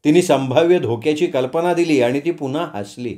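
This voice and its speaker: Guy doing first-person storytelling, chatty asides to the audience, slightly high voice. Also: fairly quick. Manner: expressive, conversational first-person telling with asides to listeners. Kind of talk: dramatic storytelling narration.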